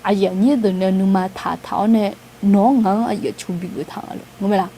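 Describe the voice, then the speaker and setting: A woman's voice: medium pitch, fairly even intonation, fairly quick, mellow, slight background noise. A woman giving an informal, conversational outreach talk to a group, with frequent hesitation sounds and light laughter. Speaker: outreach speaker.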